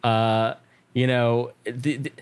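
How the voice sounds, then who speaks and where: A man hosting a podcast in casual chat, animated, acting out quotes with lots of fillers and restarts. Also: mid-range voice, slow pace, clean tone. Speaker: podcast host.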